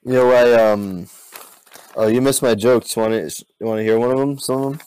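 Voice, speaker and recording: A man telling deadpan one-liners in casual podcast chat and laughing at his own jokes. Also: medium pitch, moderate pace, clean tone, poor audio. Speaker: podcast guest comedian.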